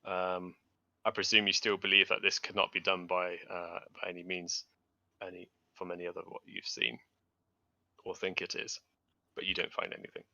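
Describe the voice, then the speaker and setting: A man's voice: deep voice, completely flat delivery, moderate pace, gravelly, pushed and bright, no echo, dull audio. A man acting as game master, narrating and explaining rules in an online tabletop role-playing game.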